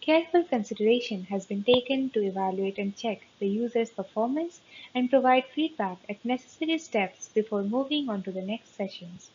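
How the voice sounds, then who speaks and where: A woman narrates a prepared research presentation in an even, read-aloud manner. Her voice sits a little high. The close webcam recording sounds slightly muffled, with a faint hiss underneath. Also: normal speed. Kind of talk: scripted conference talk narration.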